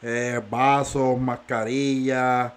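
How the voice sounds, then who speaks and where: A man co-hosts a podcast at an ordinary middle pitch. He rambles, swears freely, and laughs between lines. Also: flat delivery, drawn-out words, clean tone. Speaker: podcast co-host. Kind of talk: casual banter.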